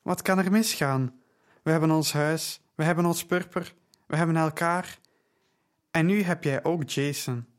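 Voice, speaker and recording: A man voicing a calm, dignified, cheerful father who speaks reassuringly, in an audiobook. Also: a little high, unhurried, close to an everyday voice.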